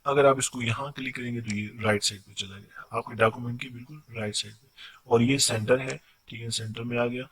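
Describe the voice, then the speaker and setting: A man giving a quick, explanatory screen-recorded software tutorial, often checking in with his viewers. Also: medium pitch, fairly even intonation, breathy edge. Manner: quick explanatory delivery with frequent "theek hai na" check-ins.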